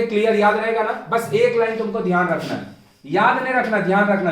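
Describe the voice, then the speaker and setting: A man's voice: high-pitched, far from the mic. A man teaching a math lesson in a classroom, coaxing students with repeated questions. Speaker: math tutor. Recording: echoey room, voice from off mic.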